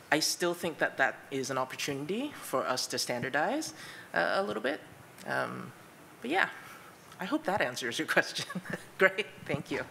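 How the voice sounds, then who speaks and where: A woman's voice: extremely low pitch, creaky, a bit bright, a little hiss or hum. A woman speaker answering audience questions at a conference, thoughtful and hedging with fillers.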